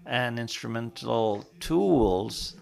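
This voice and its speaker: A man answering as a panelist at a conference, speaking in a deliberate, formal way. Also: mid-range voice, lively intonation, gravelly.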